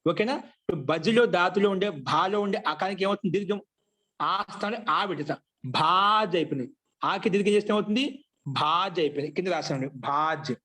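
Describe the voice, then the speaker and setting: A man giving a grammar lesson, asking questions and answering them himself, and slowly chanting rules. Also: sits high, bright, forceful tone. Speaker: Sanskrit grammar teacher. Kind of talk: classroom lecture.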